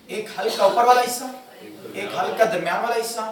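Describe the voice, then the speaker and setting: A man's voice: sits high, distant mic, a crowd in the background. Man teaching in a very echoey hall. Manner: emphatic, repeats and drills the class, urges everyone to speak up. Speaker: mufti teaching a religious class. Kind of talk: religious class lesson with call-and-response drills. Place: mosque prayer hall.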